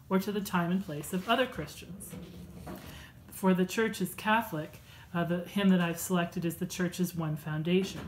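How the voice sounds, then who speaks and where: Woman in her thirties, church class teacher, reading notes, slightly low voice, measured and earnest. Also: low-quality recording. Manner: measured, earnest delivery with occasional fillers. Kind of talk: reading prepared lesson notes. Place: home room with bookshelves.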